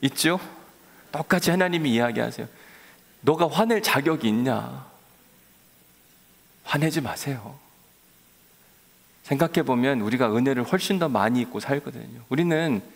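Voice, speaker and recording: Male pastor, gravelly, sermon in a reverberant sanctuary, coaxing tone. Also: mid-range voice. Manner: coaxing, addresses congregation directly. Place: church sanctuary. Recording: long church hall reverb.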